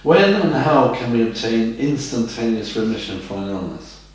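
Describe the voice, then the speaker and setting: A man's voice: medium pitch, sing-song, normal speed. Hesitant man in an echoey room. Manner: hesitant, stumbling restarts. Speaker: questioner at a healing event. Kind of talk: casual chat, reading out questions. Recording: very echoey room, far from the mic.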